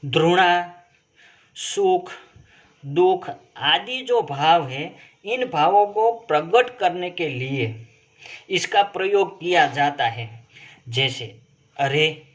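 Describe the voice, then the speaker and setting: A man teaches a grammar lesson at a very slow, deliberate pace, repeating phrases as he walks through each example. His voice sits a little high, and the recording is dull and lo-fi. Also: expressive.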